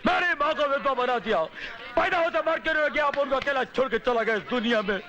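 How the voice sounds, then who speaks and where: Wailing clownish wannabe hero. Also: male voice, very high voice, brisk, highs cut off, a crowd in the background. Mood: mock wailing. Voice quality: over-the-top comic, wailing. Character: clownish would-be actor son, melodramatic. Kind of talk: 1990s film comedy acting.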